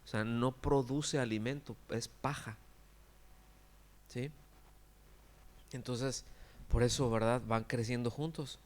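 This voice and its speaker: Male pastor, mid-pitched, chatty preaching that keeps checking in with the congregation. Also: fairly even intonation, slow pace, long pauses. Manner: conversational preaching, frequent rhetorical questions; acts out quoted characters with exaggerated cries. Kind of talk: sermon.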